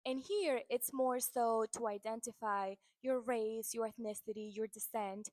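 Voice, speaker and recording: Woman, fairly high voice, dry close recording, earnest explaining monologue. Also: measured pace, darkish tone, no room sound. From Dominican Republic. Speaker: content creator. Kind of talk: explanatory social media monologue.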